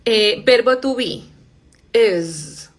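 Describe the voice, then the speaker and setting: With a fairly high, animated voice, a young Spanish-speaking teacher holds a live English pronunciation lesson, explaining in Spanish and modeling words softly and at a slow pace.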